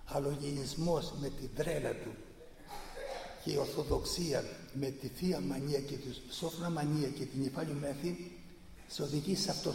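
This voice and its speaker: A man with a gravelly, fairly high voice delivers a fervent lecture, hammering his points through repeated phrases. He is heard from a distance in a large, reverberant hall with faint ambience behind him. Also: a little mellow, a little hiss or hum. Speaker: speaker giving a talk on church tradition. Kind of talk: impassioned public lecture. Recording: echoey hall from far off.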